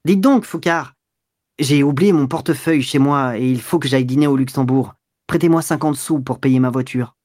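A hard-up young man in an audiobook, grumbling curtly and then pleading in a rush, as a man reads him. The voice stays near the narrator's own mid pitch. The sound is dry and close to the mic. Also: steady tone, fairly quick, a little mellow, dry recording, close to an everyday voice. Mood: brusque. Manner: gruff, then stammering and begging. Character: broke, irritable young man, pleading when cornered. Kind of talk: audiobook dialogue.

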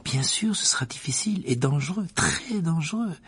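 A man voicing a clever, earnest schoolgirl with a quick, slightly prim manner. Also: fairly high pitch, lively intonation, a bit bright, slightly rough, pitched above the performer's own voice, heavily acted.

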